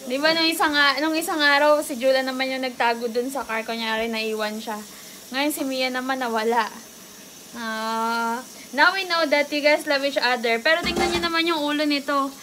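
Woman, mother and vlogger, chatty home vlog in mixed Tagalog and English; high pitch. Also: normal speed, background noise. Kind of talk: casual vlog.

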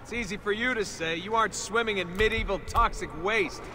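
Desmond, a sarcastic young game hero. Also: male voice, high voice, a little fast, bright, forceful tone, slight background noise. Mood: wry. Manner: sarcastic, grumbling. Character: young male game hero, wry and complaining.

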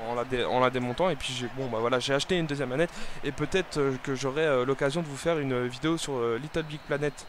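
A young man commenting casually on his own football video game, rambling and hesitant with many fillers and restarts, breaking into excited shouts at the game. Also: mid-range voice, quick pace, few pauses, slight background noise. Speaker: gaming video creator.

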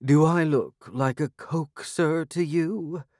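A man's voice: a little high, slow, darkish tone, no room sound, studio quality, pitched above the performer's own voice. A man voicing a haughty, sarcastic female talking cat with a drawling, disdainful delivery.

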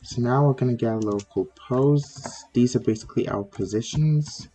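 A man's voice: medium pitch, normal speed, warm tone. A man hosting a casual coding tutorial, talking step by step while sick with a sore throat. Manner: chatty, step-by-step, with frequent "like" fillers. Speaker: tutorial host.

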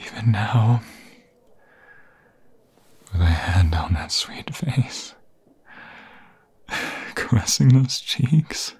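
His voice is lowish and a little mellow, with lively intonation and a heavily acted delivery, tender and aching. He plays a pleading, lovestruck vampire fiancé in romantic ASMR, husky and breathy, slipping into whispers and speaking haltingly.

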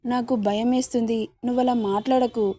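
Feisty young bride, read by a woman, slightly high, warm tone. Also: steady tone, a little fast, no echo, studio quality, lightly acted. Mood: playful. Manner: feisty, playful. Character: young woman, spirited, feisty new wife.

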